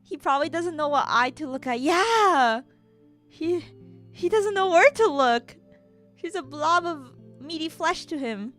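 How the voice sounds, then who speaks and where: A woman streaming a visual novel playthrough, reading its narration aloud and reacting with animated, giggly, slangy commentary. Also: sits high, a little slow, soft background music.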